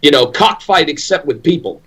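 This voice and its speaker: Higher-pitched man, emphatic interview guest. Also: lively intonation, moderate pace, a bit bright, breathy edge. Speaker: ring announcer interviewed as guest. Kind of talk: conversational interview talk.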